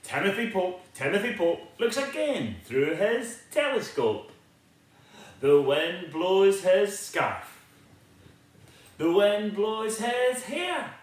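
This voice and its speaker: A man reads a picture book aloud to children in a high, swooping voice. His slow, theatrical delivery has a sing-song lilt that invites listeners to join in, and the room around him rings with heavy echo.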